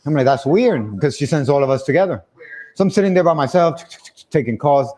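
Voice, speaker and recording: A young man telling a story casually on a livestream, animated and laughing as he acts out the voices of the people in it. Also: on the high side, fairly quick, a little hiss or hum.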